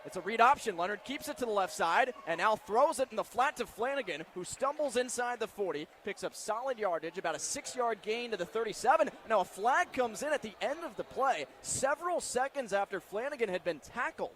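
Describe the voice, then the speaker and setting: His voice sits high and is a bit bright, with lively intonation, a slightly fast pace and few pauses. He's doing live radio play-by-play of American football from the stadium booth, clipping his present-tense phrases over faint background crowd noise.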